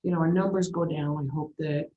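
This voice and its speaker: A woman on a school board works through a question out loud, hedging with frequent "you know"s. Her voice sits a little low. The meeting audio is dull. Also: fairly even intonation, fairly quick. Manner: thinking aloud, frequent affirming murmurs.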